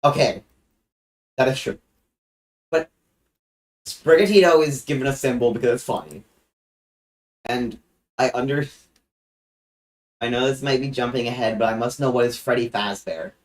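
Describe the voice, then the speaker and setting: A young adult streamer chatting casually on a livestream, halting with frequent restarts and joking in a deadpan way. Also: mid-range voice, poor audio.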